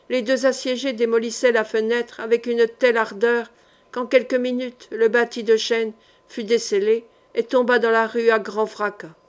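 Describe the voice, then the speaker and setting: A woman narrating a historical novel audiobook in a measured, dramatic reading. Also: fairly high pitch.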